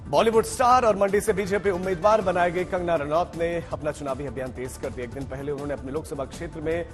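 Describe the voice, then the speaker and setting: A man's voice: fairly high pitch, fast talker. A man working as a news anchor, reading a scripted bulletin. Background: music bed.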